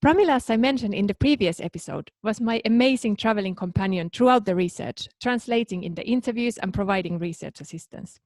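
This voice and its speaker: A woman from Finland, a researcher co-hosting a podcast, reading in a calm, explanatory way. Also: medium pitch, fast, hardly any pauses, dry recording. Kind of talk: scripted podcast narration.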